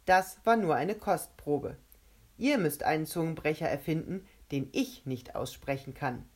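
A woman voicing a gloating male monster made of a huge mouth, who taunts and shouts triumphantly. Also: low voice, unhurried. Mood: smug.

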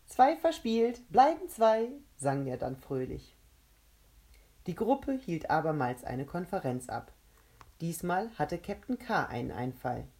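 A woman narrates a children's audiobook. Her voice is low and a little husky. Her melody moves widely as she tells the story. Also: a little slow. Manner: expressive storytelling.

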